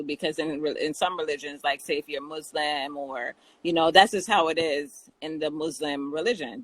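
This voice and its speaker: A woman's voice: sits low, no room sound, poor audio. A woman with a Jamaican accent chatting casually on a talk show, laughing often and restarting her sentences. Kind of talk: casual chat.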